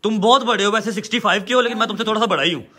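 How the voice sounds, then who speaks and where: A man's voice: high-pitched, rapid-fire. Teasing man. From Pakistan. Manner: warm, teasing, emphatic. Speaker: vlogger. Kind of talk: casual family vlog talk.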